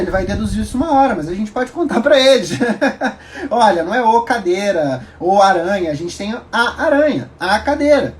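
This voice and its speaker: A man explaining grammar in a casual video lesson, chatty and animated, with quick asides. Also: high-pitched, slight background noise. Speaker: English teacher.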